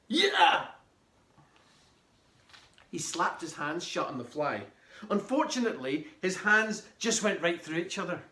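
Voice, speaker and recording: Guy reading a kids story, high bright voice, echoey room. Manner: animated, playful. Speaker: author reading his book.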